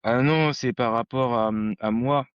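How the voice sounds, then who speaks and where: A man's voice: mid-range voice, a little slow, clear, resonant tone, no room sound, highs cut off. A man in his thirties hosting a podcast, chatting casually in a slangy, rambling storytelling way. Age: 30s. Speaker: podcast host. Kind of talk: casual conversation.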